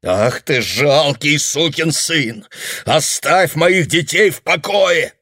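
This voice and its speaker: A man's voice: low voice, a little slow, no echo, studio quality. A man reading aloud and voicing a furious grown father whose voice comes out choked and strained. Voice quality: tight, choked voice.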